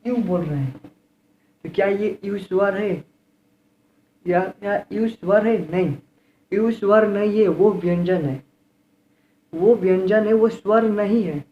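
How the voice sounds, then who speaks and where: A man with an Indian accent teaching English grammar in a classroom style. He repeats key words and keeps asking rhetorical questions. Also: sits high. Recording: roomy, dull lo-fi with faint room noise.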